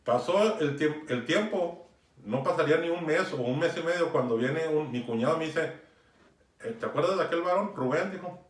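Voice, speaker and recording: Storytelling preacher, echoey. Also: male voice, a little high, lively intonation, moderate pace. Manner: storytelling, frequent tag questions. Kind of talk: conversational sermon. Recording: echoey room, distant mic.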